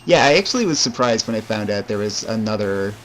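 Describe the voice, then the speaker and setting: A man's voice: lowish voice, expressive, fast, a bit bright, slight background noise. A young man giving casual, rambling commentary over a video game, with frequent fillers and self-deprecating asides. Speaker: let's play commentator.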